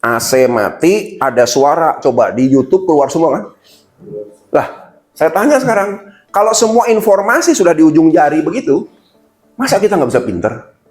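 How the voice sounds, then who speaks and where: Guy doing a motivational seminar, voice jumps all over, bit high, faint music behind. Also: moderate pace. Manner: lively, addresses listeners as "Pak", acts out quotes. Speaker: motivational speaker. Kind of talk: seminar talk to an audience.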